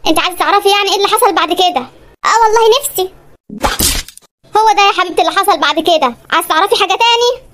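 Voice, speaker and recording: A patient, put-upon Egyptian housewife from a comic cartoon, played by a woman, polite on the surface and exasperated underneath. Her voice is squeaky and very high, and she speaks in quick bursts. She has an Egyptian Arabic accent. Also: a bit bright, a little hiss or hum. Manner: polite, sweet, exasperated asides. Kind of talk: cartoon comedy voice acting.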